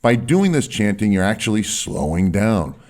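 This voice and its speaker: A man with a deep, firm voice presenting instructional advice in an emphatic way, stretching key words and often checking in with short tag questions. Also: big pitch swings, normal speed, a little mellow. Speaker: presenter giving voice and health advice. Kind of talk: instructional talk to camera or listener, salesy explainer.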